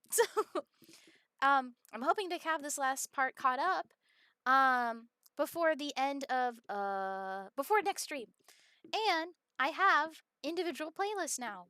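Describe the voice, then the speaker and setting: Bright high-voiced chatty woman streamer. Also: dry recording, clean studio sound. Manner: rambling and chatty with many fillers; bursts into excited squealing greetings. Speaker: game streamer. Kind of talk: casual live-stream chat.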